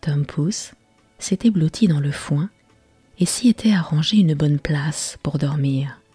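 A woman reads a bedtime fairy tale in a slow, hushed whispered role-play. Her low voice is soft and breathy, mellow in tone, and sits dry and close to the mic over faint music. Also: no echo. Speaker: storyteller.

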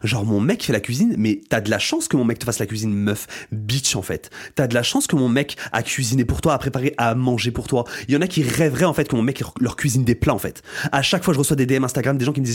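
A young man telling stories in a casual slangy monologue, animated and swinging into loud indignation. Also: mid-range voice, husky. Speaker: podcast host.

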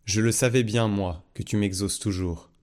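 A man's voice: on the low side, fairly even intonation, moderate pace, darkish tone, natural voice. Jesus, read by a man in solemn tones. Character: Jesus, a calm grown man teaching.

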